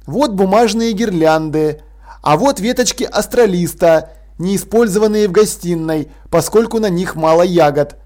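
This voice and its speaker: High-voiced man reading a story. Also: darkish tone. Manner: measured storytelling. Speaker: audiobook narrator. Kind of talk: scripted narration.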